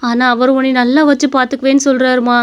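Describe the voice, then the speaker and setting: A woman's voice: sits high, flat delivery, fast, smooth, close to an everyday voice. A woman voicing an anxious middle-aged mother in a cartoon story, coaxing and pleading. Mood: worried. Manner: pleading, persuasive. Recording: dull lo-fi recording.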